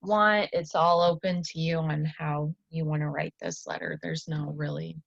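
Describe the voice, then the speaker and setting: In her early 20s and from Iowa, this student teacher gives a child an encouraging one-on-one lesson, full of praise. Her low voice is creaky and steady at a normal speed. The room recording is dull, echoey and lo-fi.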